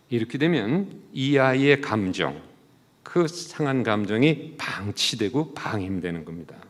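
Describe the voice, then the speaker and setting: A man's voice: medium pitch, big-room sound. A man, a professor, giving a sermon-style talk at a church service, asking the listeners rhetorical questions and acting out short quoted lines. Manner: acts out the quoted lines of mother and child.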